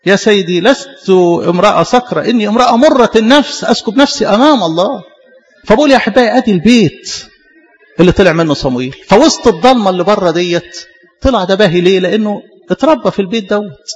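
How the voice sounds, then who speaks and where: Speaking with an Egyptian Arabic accent, a man delivers a sermon that retells Bible stories in colloquial speech, quoting scripture along the way. His high, animated voice echoes with long hall reverb as he moves quickly, repeats key phrases, and asks rhetorical questions. The tone is emphatic and instructive.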